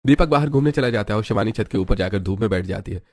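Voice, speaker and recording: Brisk male storybook narrator. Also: lowish voice, lively intonation, darkish tone.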